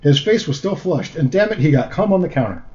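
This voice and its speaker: A man co-hosting a comedy podcast, joking and rambling with plenty of fillers. His voice sits a little high and swings widely in pitch as he jokes and reads aloud. The recording sounds dull and lo-fi. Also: very animated, brisk, darkish tone. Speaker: podcast co-host. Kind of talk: casual comedic chat and reading aloud.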